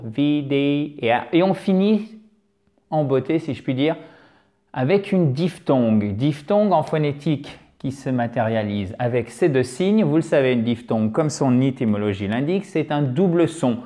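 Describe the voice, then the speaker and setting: A man teaching English pronunciation in French, his native tongue, with animated, exaggerated drills. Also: mid-range voice, normal speed. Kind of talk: video lesson in French.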